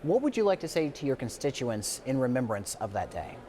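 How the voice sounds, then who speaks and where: An American man anchors a TV news interview. His delivery is fast and scripted, at a medium pitch, with faint background noise behind him. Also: very animated, mellow.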